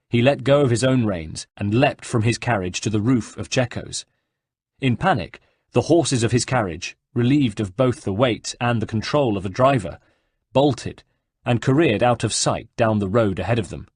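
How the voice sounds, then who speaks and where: A man narrating an audiobook in a steady storytelling delivery. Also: mid-range voice, breathy edge, no echo. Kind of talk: scripted narration.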